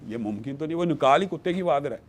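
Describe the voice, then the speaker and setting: Man making his case in a religious talk, fairly high voice, earnest. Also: animated. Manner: earnest, argues with examples and scripture. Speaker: religious guest speaker. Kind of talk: religious discussion.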